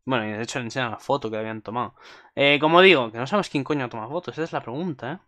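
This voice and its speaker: Casual anime recap host, a man, bright and forceful voice, profane and rambling. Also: mid-range voice, very fast. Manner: rambling, swears freely, with asides to viewers.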